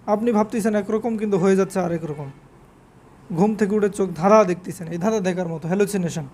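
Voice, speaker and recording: Female teacher, warm and mellow tone, drills spelling by repeating words and spelling them out slowly. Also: medium pitch, a little hiss or hum. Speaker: English vocabulary teacher. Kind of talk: spelling quiz lesson.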